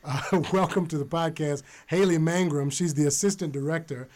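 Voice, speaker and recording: Man, middle-aged, podcast host, enthusiastic, laughs easily, higher-pitched voice. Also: fairly even intonation, moderate pace, darkish tone. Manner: enthusiastic, exclaims "wow" often, laughs easily. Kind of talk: upbeat podcast interview. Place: university audio studio.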